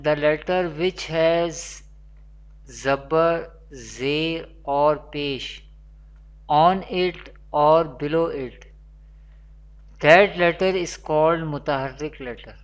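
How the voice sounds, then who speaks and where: In a rough recording, a mid-range voice leads an online Quran lesson, reciting Arabic and moving slowly with lots of repetition.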